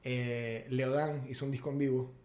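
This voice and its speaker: A man with a Venezuelan Maracaibo accent chats casually as a podcast co-host. His voice sits at an ordinary middle pitch. He talks in an animated, slangy way and keeps reaching for fillers. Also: normal speed. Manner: animated, slangy, full of fillers like "tipo" and "o sea". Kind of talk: casual chat.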